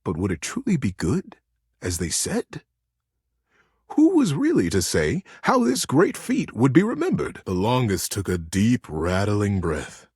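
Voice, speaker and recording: A man voicing an affectionate, gentle teddy bear who tells bedtime stories in a tender, earnest, theatrical way for a game. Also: fairly low pitch, wildly swooping pitch, measured pace, breathy edge, dry recording, studio quality, heavily acted. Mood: storytelling, tender. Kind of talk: expressive storybook narration and tender talk.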